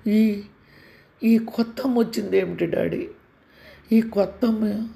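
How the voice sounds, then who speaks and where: A man voicing a frightened seven-year-old boy with a fever, high and pleading in a storybook reading. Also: steady tone, takes it slowly, vocal fry, warm tone, heavily acted.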